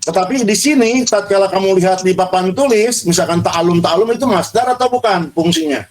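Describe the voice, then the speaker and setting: High-voiced teacher quizzing a class. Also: male voice, brisk, slight background noise, low-quality recording. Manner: quizzing, repeats words, prompts answers. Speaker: Arabic grammar teacher. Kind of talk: classroom lesson, questioning students. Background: students answering in chorus.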